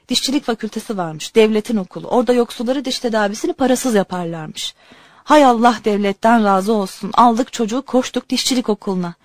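A woman reading a humorous story aloud in an expressive, conversational way. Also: fairly high pitch, no room sound. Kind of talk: storytelling narration.

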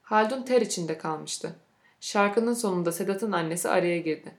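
A woman reading a novel aloud in a steady, measured storytelling voice. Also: lowish voice, reverberant. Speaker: narrator. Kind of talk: scripted audiobook narration.

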